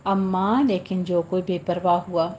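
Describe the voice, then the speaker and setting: A woman teaching Quran recitation, chanting verses with long drawn vowels, then briskly explaining pronunciation rules. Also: mid-range voice, fairly even intonation, mellow, dull audio, a little hiss or hum. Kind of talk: slow tajweed lesson, recitation alternating with explanation.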